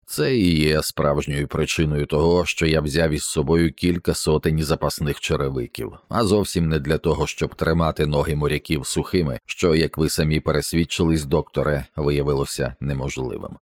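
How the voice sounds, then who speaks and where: A man voicing a stern middle-aged ship's captain giving firm, measured orders in an audiobook. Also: extremely low pitch, steady tone, no echo, studio quality. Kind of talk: audiobook character reading.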